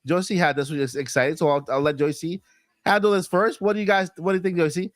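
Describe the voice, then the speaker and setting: A man hosting a casual podcast chat, animated, laughing as he talks and repeating his words. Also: a little high, fast, no room sound. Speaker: podcast host.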